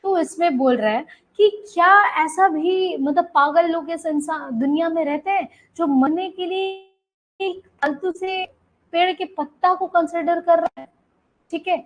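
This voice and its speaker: A woman's voice: very high voice, unhurried, poor audio. A woman teacher lecturing students in Hindi, explaining an English story line by line and checking in with them as she goes.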